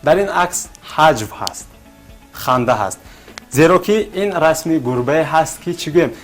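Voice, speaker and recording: A man's voice: fairly high pitch, expressive, soft background music. A man with a Tajik accent hosting a TV quiz, coaxing the contestants and repeating their answers back to them. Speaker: quiz show host.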